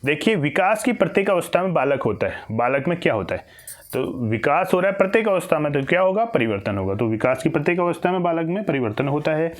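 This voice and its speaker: This exam-prep teacher talks quickly in a slightly high, sing-song voice on a recorded lesson. Posing his own questions and then answering them, he often starts over and says phrases again.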